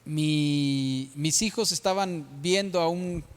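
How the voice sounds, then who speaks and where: A middle-aged Mexican pastor preaches with a high-pitched voice, often asking his congregation for agreement with tag questions. His voice carries the long reverb of a church hall. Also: slow pace. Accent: Mexican Spanish. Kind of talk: sermon.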